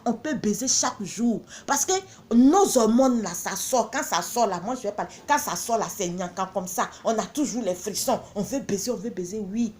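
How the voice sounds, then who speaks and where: A woman's voice: mid-range voice, darkish tone, a little hiss or hum. A woman from Benin, selling her own products in a blunt, emphatic promotional monologue full of repeated catchphrases.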